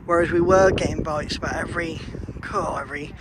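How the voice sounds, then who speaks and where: Chatting casually for his vlog by a fishing lake, an angler speaks briskly in a slightly high voice with fairly even intonation. He breaks off mid-sentence now and then, and the background is noisy.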